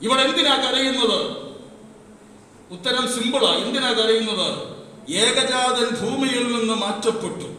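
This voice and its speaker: High-voiced preacher in an echoey hall. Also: male voice, unhurried, long pauses, a little hiss or hum. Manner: impassioned, swings from hushed to shouting. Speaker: pastor. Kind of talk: sermon. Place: church hall. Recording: echoey hall, mic far off.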